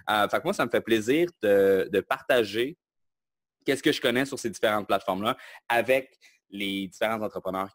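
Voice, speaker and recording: A man from Quebec with a Québécois French accent, speaking as a guest and explaining his work in a self-assured, lively way. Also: medium pitch, no room sound. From Quebec, Canada. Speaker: guest, online marketing entrepreneur. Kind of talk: casual interview talk.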